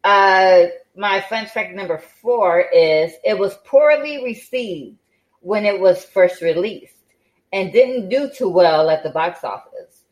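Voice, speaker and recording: Slow, tired woman podcast host. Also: medium pitch, lively intonation, muffled recording. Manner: unhurried, with many fillers and restarts. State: tired and yawning. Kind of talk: casual podcast chat.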